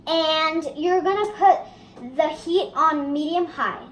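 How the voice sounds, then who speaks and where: A child co-hosting a casual cooking demonstration in a home kitchen. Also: extremely high pitch. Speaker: cooking video host. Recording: roomy kitchen echo, background noise.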